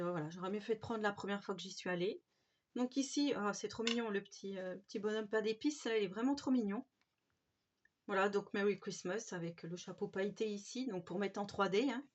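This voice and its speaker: A woman's voice: mid-range voice, brisk, a little hiss or hum. Female craft vlogger, from France, chatty and gushing, slightly dull home recording with faint paper clicks. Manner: chatty and gushing, with many fillers and little exclamations. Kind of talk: casual haul show-and-tell.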